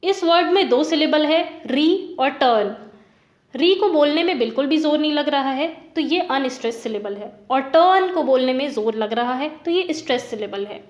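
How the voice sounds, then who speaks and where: A woman's voice: high voice, animated, brisk, few pauses, roomy sound. A woman teaching a lesson, explaining step by step in a patient way. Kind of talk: Hindi lesson explaining poetic meter.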